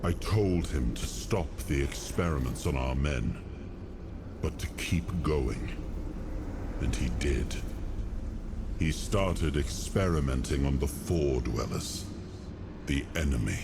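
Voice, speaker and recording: A man's voice: rumbling low, animated, slow pace, gravelly, long pauses, noisy background, heavily acted. An actor playing a weary, burdened noble king in a video game cutscene, speaking with grave, solemn deliberation. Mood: somber, reflective. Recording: loud music behind the voice. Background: music.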